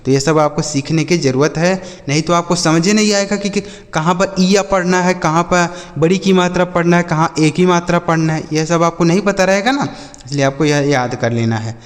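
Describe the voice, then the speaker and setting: Guy teaching english phonics, kinda high voice, spells words out slow, asks students stuff then answers it, long echo in the room. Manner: asks the class questions and answers them himself; spells words letter by letter, then sounds them out slowly. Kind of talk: spoken phonics lesson.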